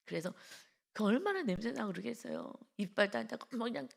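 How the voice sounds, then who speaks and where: A woman's voice: on the high side, very animated, fairly quick, vocal fry, husky. A woman pastor giving an early-morning devotional sermon, telling a story in a conversational way and speaking directly to the congregation. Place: church.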